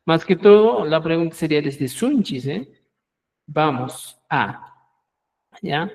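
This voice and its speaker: A man teaching a live online language class, repeating each example phrase slowly and checking in with his students, often trailing off softly at the end of a phrase. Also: fairly high pitch, animated, creaky, rough recording.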